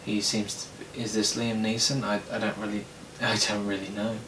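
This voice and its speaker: A man hosts a comedy sketch in a dry, self-deprecating tone. His voice sits on the low side, and it echoes in a roomy space over a faint rumble. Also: flat delivery, moderate pace, fairly bright tone. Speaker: host reading old scripts.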